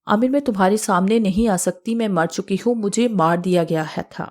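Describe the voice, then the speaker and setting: A woman's voice: medium pitch, darkish tone, natural voice. Woman reading as a vengeful young ghost. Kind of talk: audiobook horror storytelling.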